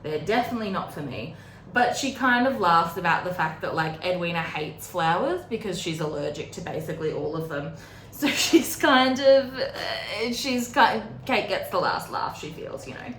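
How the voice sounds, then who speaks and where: A woman's voice: lowish voice, lively intonation, brisk, fairly bright tone. A young woman hosting a book readalong, chatting casually with lots of fillers while doing her makeup. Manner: chatty, filler-heavy, giggly. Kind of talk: casual chat recapping a novel. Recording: roomy echo, faint background noise.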